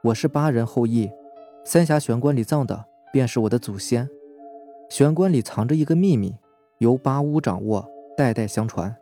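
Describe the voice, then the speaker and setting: A man voicing a calm, earnest young male chemistry teacher, speaking low and steady. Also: normal speed, faint music behind, lightly acted.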